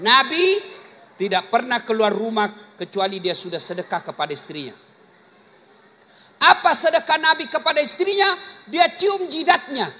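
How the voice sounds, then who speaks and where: A man with a very high, sing-song voice preaches at a moderate pace to a live audience in a large hall or mosque. The sermon is playful and teasing, swinging from hushed asides to shouted punchlines, and the live recording carries long reverb and faint crowd ambience.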